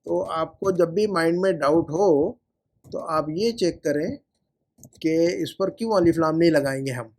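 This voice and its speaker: High-voiced man drilling Arabic grammar. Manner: repeats words slowly and drawn out for drilling; explains in Hindi-Urdu mixed with English words. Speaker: Arabic teacher. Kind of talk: online lesson correcting homework.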